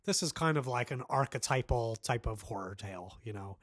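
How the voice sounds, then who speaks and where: A man co-hosting a casual book podcast, wry and amused, tossing in quick quips. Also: mid-range voice, animated, fairly bright tone, no room sound, studio quality. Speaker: podcast co-host.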